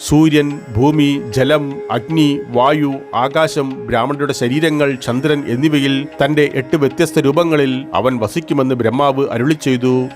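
A man's voice: mid-range voice, fairly even intonation, measured pace, faint music behind. Man reading old scripture stories. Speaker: storyteller.

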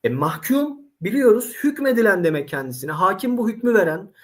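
Male Arabic teacher, animated storyteller, lively intonation, chatty interview guest. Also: high-pitched, brisk. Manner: animated storyteller, addresses audience directly. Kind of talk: casual interview conversation.

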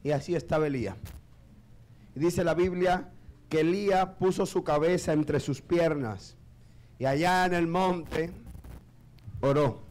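A male pastor, preaching a sermon in church and swinging between shouted peaks and quiet low asides. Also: a little slow, long pauses.

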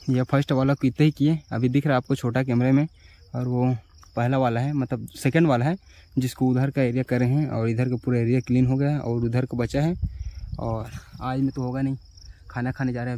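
A man's voice: mid-range voice, a little mellow, slight background noise. A young man vlogging casually to his viewers, filming himself with a phone at arm's length outdoors in the countryside. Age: young adult. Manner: chatty, addresses viewers as friends and brothers. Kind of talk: casual vlog. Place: outdoors, rural fields and village lanes.

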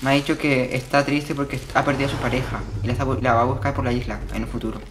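A young man from with a cold, tossing quick jokey remarks while gaming with his brother. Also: medium pitch, flat delivery, over music. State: has a cold. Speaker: co-player, the host's brother. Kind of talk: casual gameplay chat.

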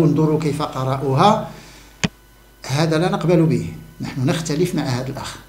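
A man's voice: a little high, a little mellow, roomy sound, a little hiss or hum. A man giving an emphatic monologue to camera, repeating key words for stress. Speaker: religious commentator.

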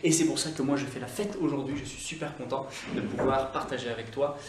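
A man hosting a video English lesson, upbeat, repeating English words slowly to model pronunciation, recorded by the camera from a few feet away indoors. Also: medium pitch. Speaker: English teacher and channel host. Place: indoor room, moving in and out of camera frame. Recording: echoey room, voice from a distance, faint background noise.

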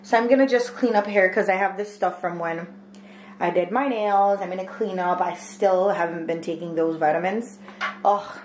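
A woman's voice: medium pitch, moderate pace, a little hiss or hum. Chatty young woman vlogging at home. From Jamaica. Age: 20s. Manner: chatty, rambling, thinking aloud with many fillers. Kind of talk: casual daily vlog chat. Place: small home kitchen and spare room indoors.

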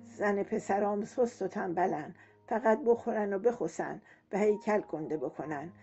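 A woman's voice: medium pitch, dark tone, lightly acted. Woman putting on a gossipy old grandmother. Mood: grumbling. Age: older. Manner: complaining, nagging, talkative. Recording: dull lo-fi audio with faint music.

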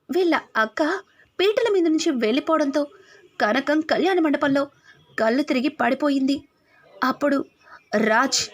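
A woman voicing a sly, scheming woman who sneers at others. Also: sits high.

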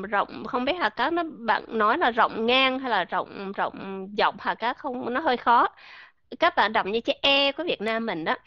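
A woman's voice: fairly high pitch, a bit bright, no echo. A woman teaching English pronunciation in an online lesson, patiently explaining, repeating example words and asking her listeners questions. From Vietnam. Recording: dry, dull lo-fi recording.

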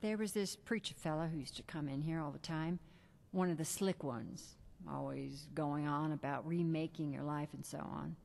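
A sultry video-game lounge singer with a very low, gravelly purr. She flirts and teases, sliding into breathy near-whispers. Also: normal speed, darkish tone. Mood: confiding. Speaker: bar singer character.

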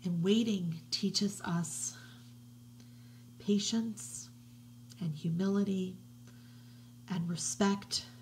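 A middle-aged woman reading a picture book aloud to children from her living room, slow and hushed with soft whispery passages, recorded on a webcam. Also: mid-range voice, a little hiss or hum, rough recording. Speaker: children's religious educator. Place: living room at home, indoors. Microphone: webcam at desk distance.

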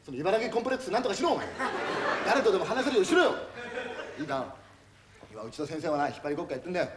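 Man acting as a rough middle-aged tv boss, berating, quick-talking, echoey far-off stage recording with noise. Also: sits high, expressive, a crowd in the background. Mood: scolding. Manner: berating, rough, drops insults constantly. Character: gruff middle-aged male TV production boss, bullying. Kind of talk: stage comedy monologue.

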